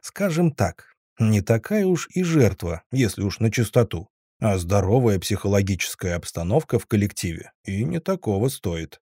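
A man's voice: lowish voice, sing-song, normal speed, dark tone, slightly rough, no room sound, clean studio sound. A man narrating a first-person audiobook in a wry, ironic, colloquial manner.

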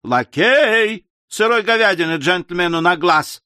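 A man's voice: high voice, animated, sharp tone, dry recording, clean studio sound, voice pushed up. A man reading an audiobook, voicing a brash young man who fires off short, clipped fragments of speech. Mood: bossy. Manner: rapid clipped fragmentary phrases. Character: fast-talking young man in green coat, brash, clipped.

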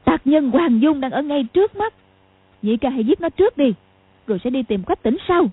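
A woman's voice: on the high side, lively intonation, moderate pace, husky, no echo. A woman voicing a bitter, vengeful crippled old woman with a harsh, scolding manner, for an audiobook. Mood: demanding. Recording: tinny lo-fi audio.

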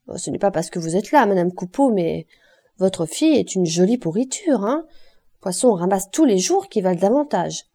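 A woman's voice: mid-range voice, animated, moderate pace, dark tone. A woman voicing a haughty, spiteful shopkeeper who speaks condescendingly in an audiobook.

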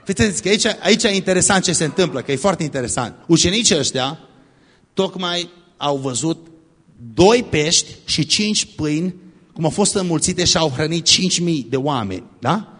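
A man giving a lively youth sermon, directing listeners as they act out a scene. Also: on the high side, breathy edge. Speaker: youth preacher. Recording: echoey hall.

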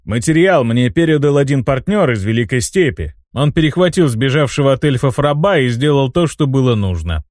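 A man's voice: mid-range voice, expressive, a little fast, hardly any pauses, a little mellow, dry recording, studio quality, lightly acted. A man voicing a scheming, boastful old male mage who gloats and cackles, in an audiobook reading. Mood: smug. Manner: gloating, theatrical, breaks into laughter.

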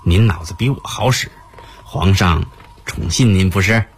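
An actor playing a servile but vengeful court official in a radio drama, fawning and plotting. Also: male voice, low voice, normal speed, slight background noise. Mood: probing. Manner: fawning to superiors, bitter and plotting.

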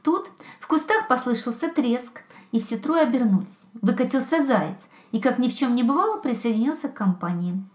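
A woman reading a children's story aloud as narrator, in a calm, clear manner. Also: a little high, moderate pace, hardly any pauses, roomy sound.

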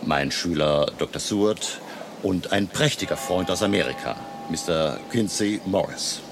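An actor playing an elderly, eccentric professor in a German radio drama, emotional and courteous, theatrical and ruminative with rhetorical questions. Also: male voice, low-pitched, measured pace, creaky, noisy background. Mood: gentle, reflective. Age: older.

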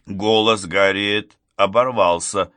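A man narrating an audiobook in a measured, deliberate reading. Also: lowish voice, fairly even intonation, fairly bright tone, dry recording, clean studio sound. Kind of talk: scripted narration.

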